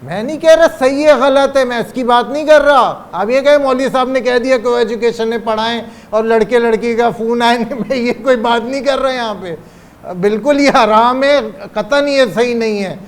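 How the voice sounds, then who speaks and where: A man delivers a religious lecture. He poses rhetorical questions and slows down on the phrases he wants to stress. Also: very high-pitched. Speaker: cleric giving a religious lecture. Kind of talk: Urdu religious lecture on parenting.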